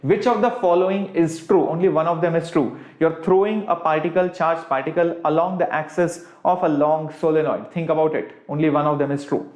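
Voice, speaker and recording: A man's voice: on the high side, steady tone, fairly quick, hardly any pauses, darkish tone. Indian-accented man teaching, echoey room. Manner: informal, step-by-step explaining with rhetorical questions. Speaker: physics teacher. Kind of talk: live online exam-prep lesson.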